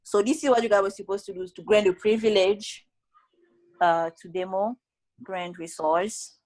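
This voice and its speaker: A woman's voice: medium pitch, steady tone, normal speed, a little mellow, rough recording. A woman walking classmates through a database exercise step by step, checking in with them often and correcting them bluntly. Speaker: student tutor leading a database class session.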